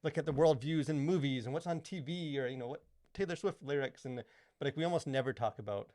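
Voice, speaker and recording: Slightly high and a little quick, this man's voice carries a darkish tone. He's a podcast co-host in casual conversation, wandering off track and filling gaps with "like" and "you know," recorded in studio quality without room sound.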